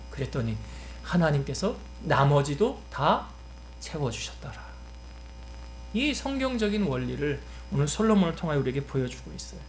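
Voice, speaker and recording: A man's voice: on the high side, slight background noise, low-quality recording. A man preaching a sermon as pastor, asking rhetorical questions and acting out quoted voices, then leading a closing prayer.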